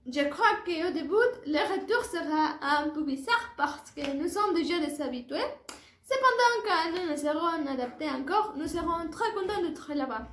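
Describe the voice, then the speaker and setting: A language student in her early 20s from Puebla, Mexico, a native Spanish speaker with a Mexican accent, gives a prepared oral presentation for a French class. Her high, a bit bright voice has lively intonation at normal speed, and her delivery is careful and formal. The room is noticeably reverberant.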